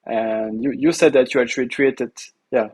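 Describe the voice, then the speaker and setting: A man's voice: medium pitch, fairly even intonation, moderate pace, darkish tone, husky, low-quality recording. A man hosting an interview, asking friendly, short questions with some fillers. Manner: friendly, brief prompts with fillers. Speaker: interviewer, host.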